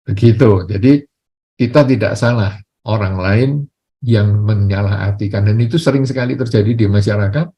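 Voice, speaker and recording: A man's voice: on the low side, normal speed, muffled recording. An older man with an Indonesian accent giving a Buddhist dharma talk, conversational and acting out quoted lines of dialogue. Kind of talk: sermon.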